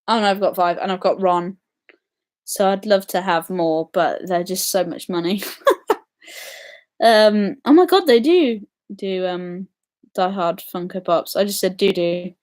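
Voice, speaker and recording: A woman's voice: mid-range voice, a little slow. Chatty woman on a live stream. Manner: chatty and excitable, many ums, reacts to comments as they come. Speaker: live-stream host answering viewer comments. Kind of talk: casual live-stream chat.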